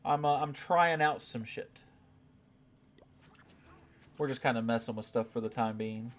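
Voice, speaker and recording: A man's voice: mid-range voice, measured pace, a little hiss or hum. An American man chatting casually on a gaming live stream, reading chat aloud and tossing in a lot of "right?". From United States. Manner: laid-back, reads chat aloud, tag questions like "right?".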